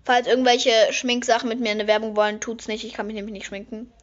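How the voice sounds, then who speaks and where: A chatty teenage girl talks her way through a makeup routine, rambling casually and now and then jumping into high squealing excitement. Her voice sits a little high, and the recording sounds dull and lo-fi. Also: fast talker. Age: teens. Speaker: vlogger. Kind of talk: casual makeup vlog chat.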